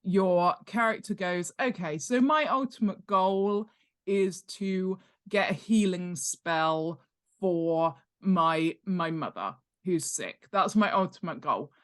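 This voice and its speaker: In a fairly low, slow voice, an author and world-building expert chats casually as a podcast guest, teaching in an informal interview. She is animated and emphatic, repeating key points for stress and using rhetorical questions and acted-out examples.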